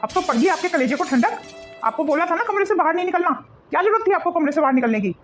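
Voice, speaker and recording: A woman's voice: very high-pitched, animated, quick pace, soft background music. A woman acting an arrogant son who scolds his village family in a dismissive tone. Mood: scolding.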